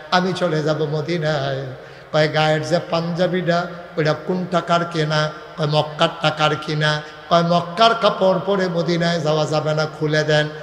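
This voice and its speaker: A man preaching a sermon, telling a story in a sing-song voice that climbs to loud shouts. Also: a little high. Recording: echoey live PA sound.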